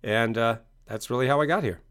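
A man's voice: medium pitch, brisk, a bit bright. A middle-aged American man telling his story as an interview guest, emphatic and fond of repeating phrases like a motivational speaker. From Maine, United States. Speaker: guest, success coach and author.

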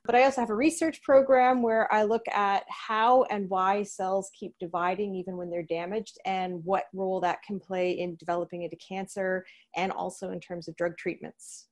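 A woman in her thirties from Canada, an associate professor talking steadily and thoughtfully as a podcast guest. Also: medium pitch. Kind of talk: conversational interview.

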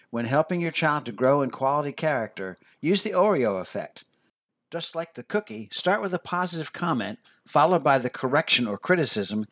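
A man hosting a scripted parenting talk, measured and expressive, sometimes dropping to a whisper for emphasis. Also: medium pitch. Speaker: host, family counselor.

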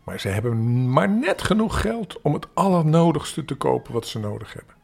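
Grandpa reading a kids' story, gentle and expressive, raspy low fry. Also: male voice, moderate pace, faint music behind. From Netherlands. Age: older.

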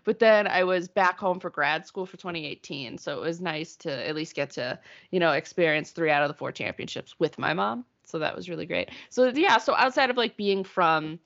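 A woman's voice: fairly low pitch, normal speed, a bit bright, dull audio. A woman from Massachusetts co-hosting a podcast, chatting casually with lots of fillers. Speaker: podcast co-host.

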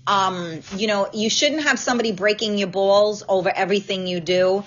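A woman hosting a casual live-stream chat, frank and animated, swearing freely as she tells stories. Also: mid-range voice, normal speed, dull audio. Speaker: talk show host.

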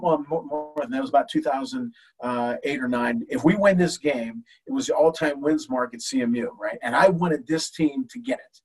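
An older man, a baseball coach, telling an emotional story in an animated way with many restarts. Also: medium pitch, moderate pace, husky, distant mic, soft background music, poor audio. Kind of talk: storytelling in a talk show.

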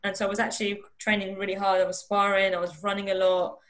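A young Iranian woman speaks earnestly as a guest in a candid video-call interview, her mid-range voice moving quickly with little change in pitch. She frequently restarts sentences and repeats words.

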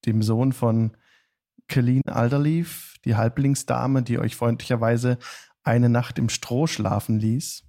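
A man hosting a tabletop game stream as game master, narrating the recap in a deliberate storytelling manner with drawn-out phrases. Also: medium pitch, steady tone, warm tone.

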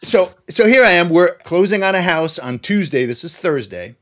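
Brief: middle-aged male musician, higher-pitched, animated anecdote teller in casual conversation. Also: normal speed. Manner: animated, laughs often, mimics voices in quotes. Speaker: violinist telling a story. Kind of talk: casual storytelling chat.

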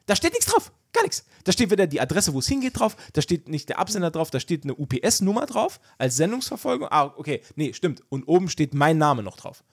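A man's voice: a little high, very animated, brisk, few pauses, breathy edge, no room sound, studio quality. A young man co-hosting a casual podcast chat, telling a story with lots of energy and acting out the dialogue. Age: young adult. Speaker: podcast co-host.

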